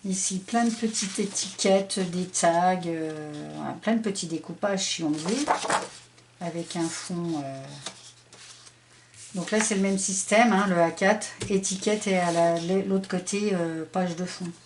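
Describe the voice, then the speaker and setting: Middle-aged lady showing off her craft papers, lowish voice, lots of um and uh, noisy background. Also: unhurried, darkish tone. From France. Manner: chatty, hesitant, many fillers. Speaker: scrapbooking vlogger. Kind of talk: casual haul show-and-tell.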